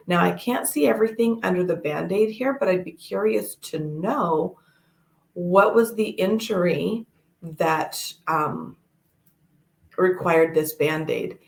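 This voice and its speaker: Woman reader, gentle and measured, low gravelly voice, echoey room. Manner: gentle, measured, with fillers and pauses. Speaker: toe reader. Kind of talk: one-on-one reading to camera.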